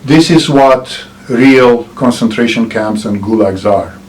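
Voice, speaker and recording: A man's voice: mid-range voice, poor audio. Middle-aged man with a Romanian accent. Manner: earnest, with frequent "uh" and "um" pauses. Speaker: channel host. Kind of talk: political commentary to camera.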